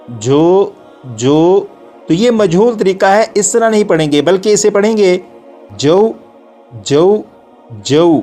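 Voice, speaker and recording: A man with a high voice teaches a recitation class at a calm, patient pace. He explains each rule, then sounds out the examples slowly and repeats each one three times for students to follow. Soft music plays faintly behind him. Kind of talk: step-by-step recitation lesson.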